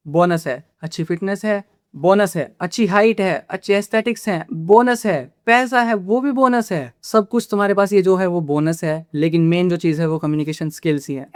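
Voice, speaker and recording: A man's voice: a little high, fairly even intonation, moderate pace, clean tone, no echo, studio quality. A man who makes communication-skills videos, lecturing the viewer directly and casually, dropping English phrases into his talk. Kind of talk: casual instructional talk to camera.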